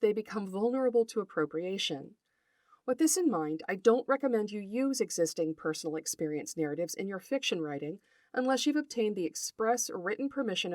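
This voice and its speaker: Here a middle-aged woman hosts her podcast, reading prepared narration to listeners in a deliberate, well-spoken storytelling style. She is a writer and folklorist, her pitch is medium, and there is no echo.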